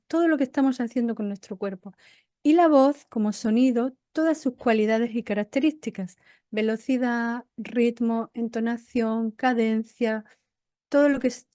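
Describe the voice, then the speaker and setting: A woman coach teaches an online course with a slightly high, warm, mellow voice. She explains patiently, breaking ideas into short, listed phrases. The sound is dry and close. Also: dry recording. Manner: didactic, lists items in short paced phrases; acts out example tones of voice. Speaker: NLP coaching instructor.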